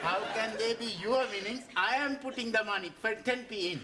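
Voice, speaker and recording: A man's voice: high voice, a little fast, a crowd in the background, lightly acted. An actor playing a proud, bearded male student who squabbles in a formal way in a 1970s sitcom. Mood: squabbling. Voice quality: formal, insulting retorts. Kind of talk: 1970s studio sitcom acting. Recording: loud audience laughter and noise.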